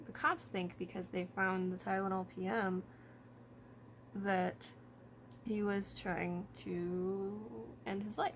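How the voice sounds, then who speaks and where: A woman's voice: mid-range voice, slight background noise. A woman talking informally to camera about true crime, thinking aloud and hedging as she goes. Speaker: vlogger.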